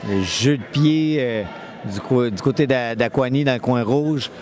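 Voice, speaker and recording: A man's voice: mid-range voice, measured pace, a little mellow. A man with a Quebec French accent giving conversational live boxing commentary. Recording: event crowd noise behind voice. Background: crowd at boxing event.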